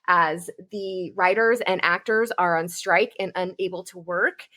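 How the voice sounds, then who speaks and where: A woman's voice: on the low side, unhurried, bright, forceful tone. A woman co-hosting a pop culture podcast, talking in a casual, fired-up and profane way. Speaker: podcast co-host.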